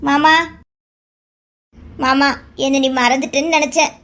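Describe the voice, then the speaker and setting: A woman's voice: high voice, fairly even intonation, unhurried, a bit bright. A woman voicing a pouting young village girl in a cartoon, sulky and doting toward her uncle. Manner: pouting, childlike. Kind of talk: cartoon voice acting.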